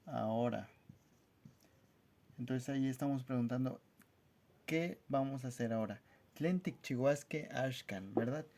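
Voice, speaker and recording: A man teaching a language lesson at a whiteboard, spelling out words slowly and carefully in a friendly, casual way. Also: mid-range voice, warm tone.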